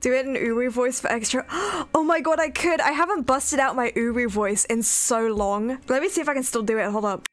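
A woman's voice: sits high, a little fast, few pauses. A woman livestreamer chatting casually and playfully with her viewers, with a sweary, giggly manner. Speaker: VTuber livestreamer. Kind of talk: casual gaming stream chat.

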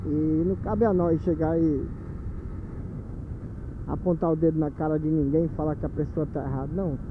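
A man's voice: a little high, steady tone, normal speed. A man from Manaus with an Amazonas Brazilian accent, talking casually and in slang to his viewers while riding a motorcycle at night, captured on a camera mounted on the helmet or bike. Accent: Brazilian Portuguese, Amazonas. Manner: slangy, repeats phrases, talks to viewers as "brother". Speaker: motovlogger. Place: on a motorcycle on city streets at night. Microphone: helmet or bike-mounted action camera. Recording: tinny lo-fi camera audio with faint wind and road noise.

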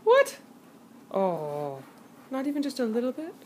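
Recorded on a phone in her home kitchen, a woman hosts a cooking video from off camera, putting on an exaggerated, teasing mock-TV-host enthusiasm for playful banter. Her voice is a little high with huge pitch swings, she speaks a little slowly, and there's a faint hiss or hum.

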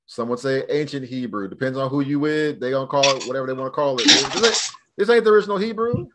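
A man's voice: medium pitch, steady tone, fast talker, very noisy. A man teaching a live online Hebrew class, speaking casually and drilling students with questions.

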